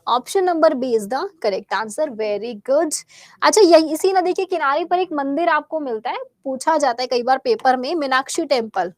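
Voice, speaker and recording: A high-pitched woman with a Bihari Hindi accent teaches a live exam-prep quiz class at an unhurried pace, her tone darkish and the audio free of echo. She is chatty, posing questions and then answering them herself. Her throat is sore, and she clears it often.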